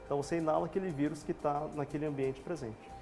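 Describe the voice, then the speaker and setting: A doctor with a Brazilian Portuguese accent appears as a guest on a TV health show, calmly explaining things in plain lay terms in a studio. His voice is fairly high and fast, with faint music behind it.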